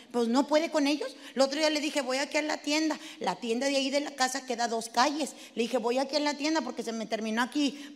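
A woman's voice: high voice, in a large hall. A middle-aged woman with a Mexican accent doing brash, crude stand-up storytelling, acting out her mother and her kids. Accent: Mexican Spanish. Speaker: stand-up comedian in character.

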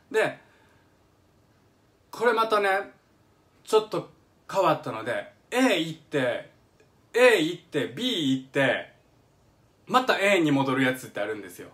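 Streaming live from his home kitchen over a phone or webcam, this middle-aged Kansai-accented man explains music with great animation in a high, slightly bright voice. He keeps a measured pace, pausing often, while humming examples and reading viewer comments aloud.

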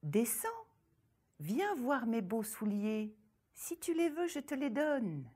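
A one-eyed ogress from a told folk tale, greedy and sly, her voice honeyed one moment and threatening the next, as a woman storyteller puts her on. She speaks slowly and carefully, as if she is savoring every word. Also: on the high side, sing-song, dark tone, breathy edge, voice pushed up, heavily acted. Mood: coaxing. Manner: sweetly coaxing turning menacing.

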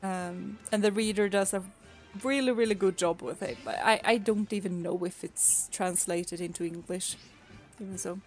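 A young Swedish woman, a streamer and teacher, chats casually with her viewers while playing a game, laughing often and restarting her words. She has a light Swedish accent and a slightly mellow, mid-range voice with fairly even intonation at a moderate pace, and faint music plays behind her.

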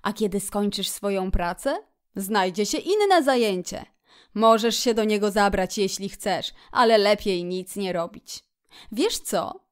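A woman voicing a genial male water rat in a storybook reading, speaking in a grand, unhurried way and savoring each word. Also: mid-range voice, animated, natural voice. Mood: dreamy. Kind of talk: audiobook character voice.

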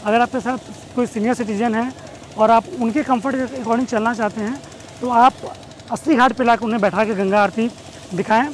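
A man who hosts and guides for a tour company talks to camera in an informational travel vlog, pausing often and mixing in English words. His voice is extremely high with fairly even intonation. He's outdoors on open riverside steps, recorded on a clip-on wireless lapel mic, with noisy ambience and distant engines behind him.

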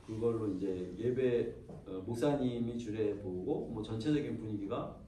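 A man preaching in a loose, chatty way, often pausing on fillers as he talks to a small congregation. His voice is mellow and mid-pitched. It sounds roomy and a little far from the mic, with a faint hiss underneath. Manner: conversational, many pauses and fillers. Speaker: pastor. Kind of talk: informal sermon.

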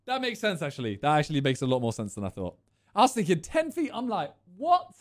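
A young man streaming from a neon-lit gaming room, reacting to a quiz video with casual, chatty commentary, laughing often and exclaiming loudly. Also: a little high, huge pitch swings, fast talker. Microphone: studio mic on boom arm with headphones.

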